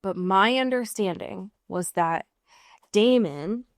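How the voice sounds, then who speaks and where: An American woman co-hosts a casual podcast recapping TV and film, sounding emphatic and sweary as she rambles and corrects herself along the way. Her voice is mid-range and her pace slow. The recording is studio quality with no room sound.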